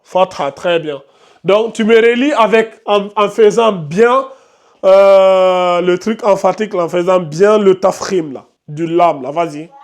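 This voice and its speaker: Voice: medium pitch, unhurried. Teacher running a recitation class: patient, corrective, calls on each student by name.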